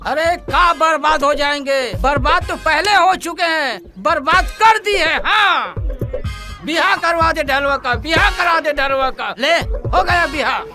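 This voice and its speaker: An actor playing an anxious, indebted village farmer who grumbles and scolds. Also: male voice, extremely high pitch, unhurried, sharp tone, exaggerated voice. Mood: scolding. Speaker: villager in debt. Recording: film soundtrack with background music.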